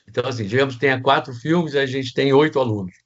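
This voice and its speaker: A man's voice: medium pitch, quick pace, lo-fi sound. A man with a Brazilian Portuguese accent teaching set design in a casual online class, rambling with restarts and many tag questions.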